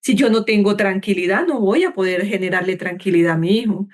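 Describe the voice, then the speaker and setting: A woman clinical psychologist giving calm, measured advice in an interview, slowing down and stretching words to show how to breathe. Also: mid-range voice. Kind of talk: calm explanatory interview talk.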